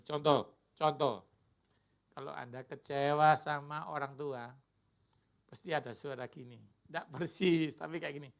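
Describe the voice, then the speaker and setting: A male pastor with a voice, pitched a little above the usual for a man, preaching at a church worship service. His delivery is colloquial and chatty, and he slips into acted voices for the people he quotes. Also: gravelly, fairly bright tone. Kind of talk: sermon.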